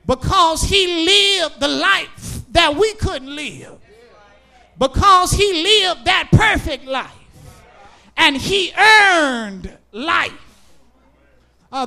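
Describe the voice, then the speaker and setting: A man preaching with a strikingly high, gravelly voice that rings forceful and tense. He delivers in a slow, drawn-out sermon cadence, shouting and half-singing his lines and driving each point home through repetition.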